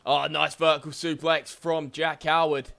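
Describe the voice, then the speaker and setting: A man giving excited play-by-play commentary over a wrestling video game, calling each move as it happens with frequent exclamations. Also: fairly high pitch, moderate pace, vocal fry.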